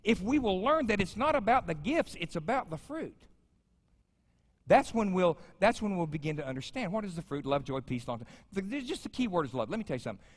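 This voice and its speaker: A man's voice: sits high, big pitch swings, brisk. A man in his fifties preaching a sermon as pastor, conversational and joking with the congregation. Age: 50s. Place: large church sanctuary. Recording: church sanctuary with long reverb.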